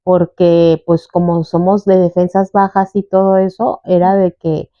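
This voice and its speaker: A woman's voice: fairly low pitch, measured pace, no room sound, lo-fi sound. A young adult woman, telling her own story in an interview and acting out the voices of people she quotes. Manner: animated, acts out quoted voices. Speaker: guest sharing her testimony. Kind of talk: conversational testimony.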